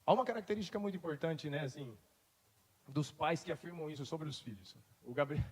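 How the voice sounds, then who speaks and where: A pastor delivers a sermon in church, shifting from conversational storytelling to emphatic declarations. His voice is fairly high-pitched, brisk and slightly rough, with long reverb filling the church hall.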